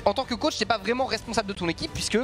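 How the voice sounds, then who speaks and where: Very fast-talking male esports caster. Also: high voice, a bit bright, soft background music. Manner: esports caster delivery, fluent rapid-fire explaining. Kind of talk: live esports commentary with technical analysis.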